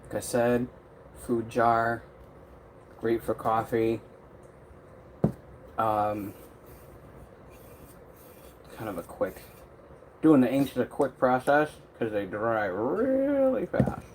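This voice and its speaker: Slow, rambling man in a workshop. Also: mid-range voice, animated. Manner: rambling, unhurried, many fillers. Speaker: custom tumbler maker. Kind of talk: live-stream craft chat. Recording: faint noise from outside.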